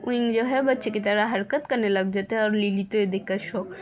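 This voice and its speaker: A woman's voice: medium pitch, little pitch movement, a little fast, muffled recording. A young woman casually retelling a fan fiction story in a chatty way with many fillers. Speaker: story narrator.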